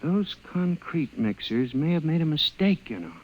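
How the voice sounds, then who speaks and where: A man's voice: on the high side, sing-song, moderate pace, highs cut off. An actor playing an agitated, pleading male convict in an asylum who insists he is sane, in 1950s radio drama style. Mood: rambling, resigned. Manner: pleading, fervent. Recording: old-time radio recording.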